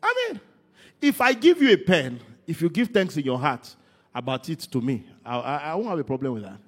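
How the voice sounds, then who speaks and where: A man preaching a sermon, moving from quiet talk to shouted, sing-song emphasis. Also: on the high side, sing-song, a little fast. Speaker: pastor.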